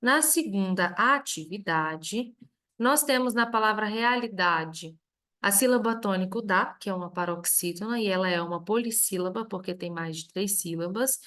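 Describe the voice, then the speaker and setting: A woman teacher with a Brazilian Portuguese accent, reviewing a grammar lesson in a clear, step-by-step way and stressing each example word. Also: medium pitch, moderate pace, fairly bright tone.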